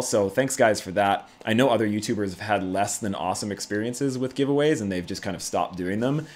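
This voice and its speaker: A man's voice: on the low side, a little mellow. A man hosting a casual livestream, chatting to viewers in a laid-back, conversational way. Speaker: YouTube channel host.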